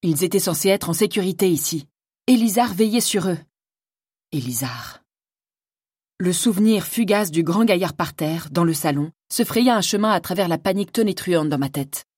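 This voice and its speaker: Woman narrator, low-pitched, measured and dramatic, dry close sound. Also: darkish tone, no room sound. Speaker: audiobook narrator. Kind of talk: scripted first-person fantasy narration.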